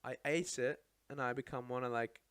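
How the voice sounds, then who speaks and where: A young Iraqi man whose native language is Arabic tells his life story as a podcast guest in a studio, chatty and lively, often tossing in "right?" as he casually recounts it. His mid-range voice is smooth and fairly quick, with no echo.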